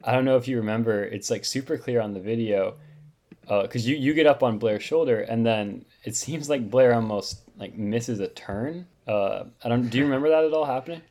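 A man's voice: medium pitch, a little fast, mellow. A young man co-hosting a podcast, talking through a race in a hesitant, chatty way full of likes. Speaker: podcast co-host. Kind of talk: casual chat, asking about a race.

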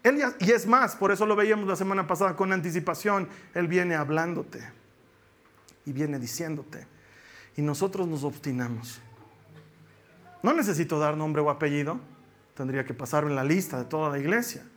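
A man with a notably high voice delivers a church sermon, driving home each point by repeating it. His preaching is emphatic and lively, and he slips into playful mock voices when he quotes someone. He speaks to his congregation as a pastor. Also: moderate pace. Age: adult with a young daughter.

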